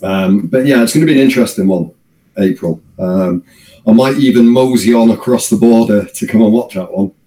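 Man, british accent, lowish voice, relaxed hesitant podcast chat, roomy echo. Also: brisk. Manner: easygoing, hesitant with restarts. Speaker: podcast co-host. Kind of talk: casual chat.

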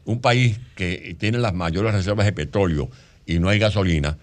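Man, low-pitched guest author, talks at length in explanations. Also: moderate pace. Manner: long explanatory answers. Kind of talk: radio interview.

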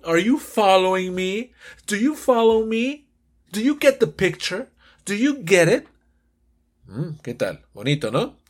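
Husky, lively male English teacher. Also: sits high. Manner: animated, switches between explanation and English example phrases; playfully acts out students' questions in raised voices. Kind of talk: online English lesson for Spanish speakers.

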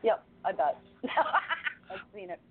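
A woman co-hosting a radio show in casual banter. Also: unhurried. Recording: tinny phone line with faint noise.

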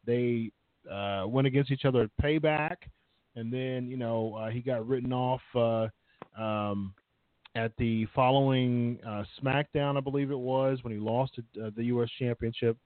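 A man phones in for a laid-back wrestling chat, rambling and leaning on "uh" and "you know." His voice is mid-range and steady, moving at a moderate pace. The thin, dry line has no echo and keeps breaking up.

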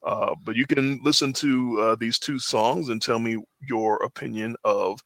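A man's voice: medium pitch, fairly even intonation, measured pace, gravelly, fairly bright tone, no room sound. A man co-hosting a sports podcast, telling rambling self-deprecating stories in a casual chat. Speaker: podcast co-host.

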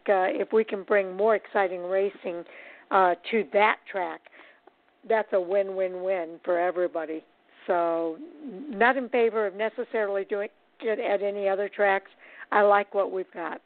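A woman's voice: medium pitch, steady tone, a little slow, no room sound. Female show host, casual race talk, opinionated with filler words, dry phone-quality audio. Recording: tinny dry phone line.

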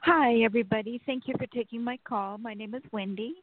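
A woman calling in over the phone, speaking in a measured way and spelling out names letter by letter. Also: on the high side, no echo. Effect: heard over a phone line. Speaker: caller. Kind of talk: call-in chat with a psychic show. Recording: tinny, dry phone line.

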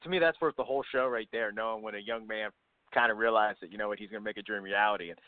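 A man hosting a sports interview show, upbeat and quick, full of "you know" fillers. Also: lowish voice, no echo. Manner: fast, upbeat, many fillers. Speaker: podcast host. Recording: tinny phone-line audio.

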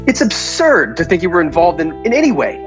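A man's voice: fairly high pitch, wildly swooping pitch, fairly quick, music in the background. An actor playing a trusting, stubborn, reassuring man in an old radio drama. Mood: defensive.

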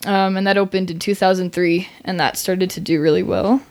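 A woman's voice: on the low side, steady tone, fairly quick, a little mellow. A woman chatting informally and giggly as a podcast co-host. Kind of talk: casual chat.

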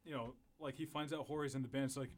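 A man in a band, calmly recounting the band's history in a relaxed interview. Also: mid-range voice, fast. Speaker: band member.

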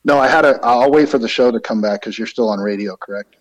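A man with a medium-pitched, fast voice joins a radio show as a guest, joking and playful in casual conversation. He's calling in off mic from a living room with heavy, echoey reverb.

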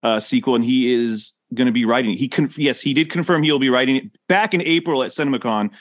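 A man co-hosting a film podcast, teasing his partner in casual chat. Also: mid-range voice. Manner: lively, teasing, quick to laugh. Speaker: podcast co-host.

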